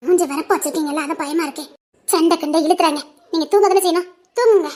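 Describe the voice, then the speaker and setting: A woman's voice: very high-pitched, fast, darkish tone, pitched above the performer's own voice. A woman with a Tirunelveli accent voicing a frightened young wife who whimpers and pleads tearfully. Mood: anxious. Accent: Tirunelveli Tamil.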